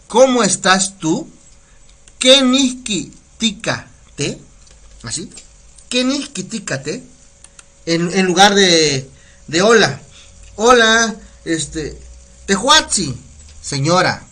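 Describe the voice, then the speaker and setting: A man's voice: high-pitched, sharp tone. A man with a Mexican Spanish accent teaching words on a live community radio broadcast, patient and repeating each word, often checking in with his listeners. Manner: patient, repeats words slowly, asks "¿sale?". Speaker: Nahuatl language teacher.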